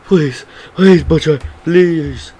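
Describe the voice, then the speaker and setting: A man's voice: on the high side, drawn-out words, dark tone, voice pushed up. A man doing a whiny, begging villain. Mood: pleading. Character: begging arrogant male superhero villain.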